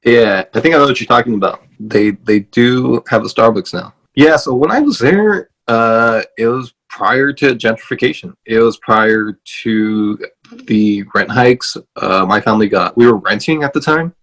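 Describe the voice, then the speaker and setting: A man's voice: mid-range voice, lively intonation, moderate pace, a bit bright, rough recording. A man from Los Angeles, a guest on a podcast, talking casually over a video call and rambling with many fillers and restarts. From Los Angeles, USA.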